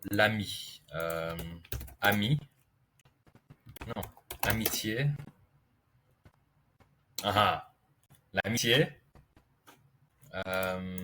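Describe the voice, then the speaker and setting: A man tutoring beginners, telling a silly story slowly, repeating key words and checking that learners follow. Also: on the low side, pushed and bright, slight background noise. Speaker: language tutor. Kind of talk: slow storytelling lesson for beginners.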